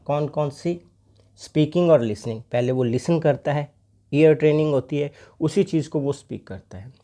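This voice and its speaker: A teacher giving an exam-prep lecture, reading English lines slowly and explaining them in Hindi while asking and answering rhetorical questions. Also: mid-range voice, mellow.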